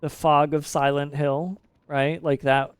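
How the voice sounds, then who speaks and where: A man in his thirties rants through a live game stream in a fairly high, smooth voice. He is opinionated and swears casually, and the sound is dry and close, with no room echo. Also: flat delivery, unhurried.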